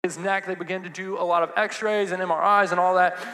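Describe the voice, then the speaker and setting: A man preaching a sermon in a casual, conversational way, dropping to a hush and then rising to fervent emphasis. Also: high voice, little pitch movement, brisk. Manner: swings from hushed to fervent emphasis. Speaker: pastor. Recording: long hall reverb.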